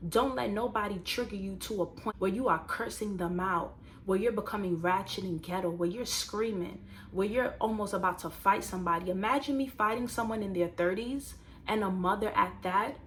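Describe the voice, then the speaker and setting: A woman in her twenties, casually telling a personal story to viewers and turning it into motivational advice, animated and talking straight to the audience. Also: mid-range voice, moderate pace, hardly any pauses, slight background noise. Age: 20s. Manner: animated, conversational, addresses viewers directly. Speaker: vlogger.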